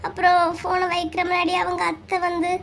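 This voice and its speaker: A performer voicing a tearful, soft-spoken young daughter-in-law in a cartoon, with a Kanyakumari Tamil accent. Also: very high-pitched, monotone, a little fast, creaky, a little hiss or hum, exaggerated voice. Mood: sad. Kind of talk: cartoon voice acting.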